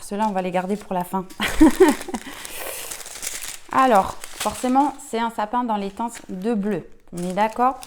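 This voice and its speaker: A woman's voice: medium pitch, a little mellow, a little hiss or hum. A woman chatting casually while unboxing a diamond painting kit, enthusiastic and full of fillers. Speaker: craft unboxing vlogger.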